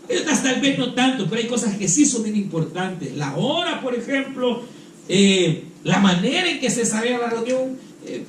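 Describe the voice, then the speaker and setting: A man's voice: sits high, a little hiss or hum. A man preaching fervently at a church retreat, often calling out "hermano" and "aleluya" and repeating words as he searches for them. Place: church hall. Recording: echoey hall, mic at a distance.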